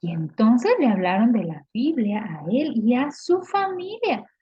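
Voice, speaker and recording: A woman with a Mexican accent, a Sunday school teacher telling a Bible story to young children, expressive and asking them questions. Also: fairly high pitch, a little slow, slightly rough, muffled recording.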